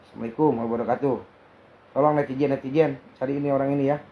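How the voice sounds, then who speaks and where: A man's voice: mid-range voice, steady tone, racing, dark tone, a little hiss or hum. A middle-aged man from Karawang with a Sundanese accent, delivering a heated, confrontational video rant as a member of a Sundanese arts and culture association, taunting with repeated "hah?". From Karawang, West Java.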